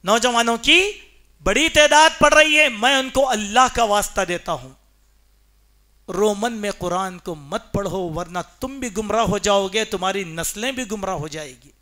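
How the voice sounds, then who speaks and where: The speaker is a male preacher at a mosque's Friday sermon, his very high voice ringing bright. He makes his case emphatically, peppering the congregation with rhetorical questions.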